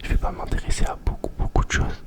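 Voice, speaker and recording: A young man doing ASMR, chatting informally in a breathy whisper right in the listener's ear, very close to the microphone. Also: fast. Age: young adult. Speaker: ASMR video host. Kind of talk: ASMR, informal question-and-answer chat.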